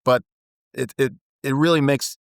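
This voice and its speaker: A man's voice: mid-range voice, fairly even intonation, a little slow, gravelly, no room sound, clean studio sound. A middle-aged man, a podcast guest, reflecting and telling stories in an earnest, conversational way. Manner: reflective storyteller, warm and earnest. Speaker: guest, business owner and author. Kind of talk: casual chat.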